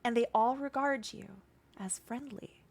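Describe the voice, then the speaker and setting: Female game master, higher-pitched, conversational tabletop narration. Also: measured pace, darkish tone.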